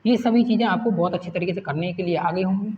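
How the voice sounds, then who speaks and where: Talking fast in a high-pitched voice, this male teacher breaks a problem down step by step, asking the class questions and supplying the answers on his own. The audio comes from an echoey room and sounds dull and lo-fi, with faint hiss.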